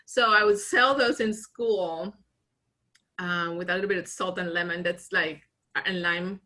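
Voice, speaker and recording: A woman from Colombia, in her early forties, recounting her path as a business founder in a relaxed interview. Her voice is bright and sits a little low, and she tells her story with animated restarts and easy laughs. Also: a little slow. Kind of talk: casual interview conversation.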